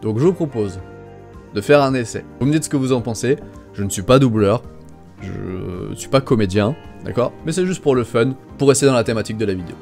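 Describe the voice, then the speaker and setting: A man chats casually to viewers in a mid-pitched voice. He is jokey and self-deprecating, with faint music behind him. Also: animated, fairly quick, creaky, darkish tone. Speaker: amateur YouTuber presenter.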